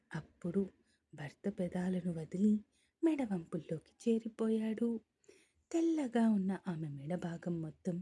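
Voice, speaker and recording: A woman reading a romance story aloud as a storyteller, in an even narrating manner. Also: on the low side, husky. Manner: reads all characters' lines in her own voice, mostly even narration.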